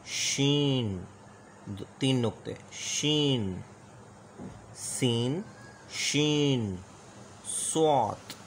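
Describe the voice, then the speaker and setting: A man gives a slow, patient alphabet lesson, sounding out each letter and repeating it so the learner can follow along. His tone stays polite and courteous throughout, at an unhurried pace in a middle register. Faint background noise sits under the voice. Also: medium pitch. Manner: says "ji janab" often, polite. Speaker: Urdu script teacher.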